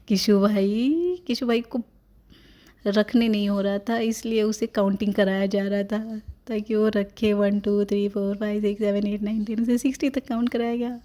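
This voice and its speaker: Sassy baby-girl narrator played by a woman, warm mid-pitched voice, playful and teasing. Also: natural voice. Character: sassy newborn baby girl, cheeky and complaining. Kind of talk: voice-over narration of a family vlog.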